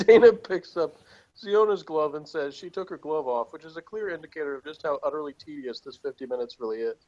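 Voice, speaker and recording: With a slightly high, dark-toned voice at normal speed, a podcast host reviews an episode casually. He reads from notes, leans sarcastic, and chuckles a lot. The sound is dull and lo-fi.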